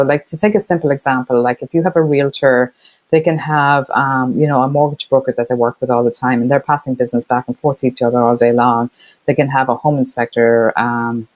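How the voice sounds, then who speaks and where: A very deep, slightly mellow voice belongs to this middle-aged Irish woman, heard with no room sound but poor audio quality. A partnerships expert, she chats easily as an interview guest with lots of fillers, her Irish accent showing some Boston influence.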